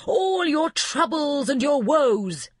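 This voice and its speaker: A woman voicing a cruel, bad-tempered young male wizard who shouts in slow, heavy outbursts. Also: high voice, sing-song, dry recording, voice pushed up, exaggerated voice. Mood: desperate.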